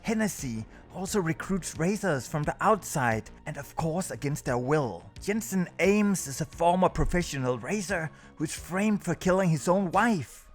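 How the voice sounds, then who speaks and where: Over music playing underneath, a video presenter with a fairly high-pitched male voice narrates a scripted countdown review.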